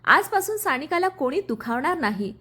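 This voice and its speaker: A woman's voice: high-pitched, sing-song, normal speed, sharp tone, exaggerated voice. A woman voicing an earnest, protective young husband in a storybook reading, speaking firmly and pleadingly.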